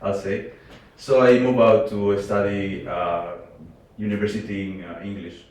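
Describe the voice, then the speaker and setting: A young man from Ecuador talks in a relaxed, halting way, padding his answers with "like" and "uh". His voice sits a bit low. He sounds set back from the mic in a very echoey room. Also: recorded from a distance. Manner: relaxed, hesitant, many fillers and "like". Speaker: guest, international student. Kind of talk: casual interview answers.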